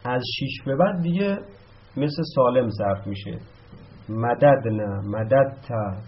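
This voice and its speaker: A man teaching a grammar lesson, explaining step by step and answering his own questions, slowing down to spell out each verb form. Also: mid-range voice, animated. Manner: slows down to spell out verb forms. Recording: slightly dull, lo-fi recording.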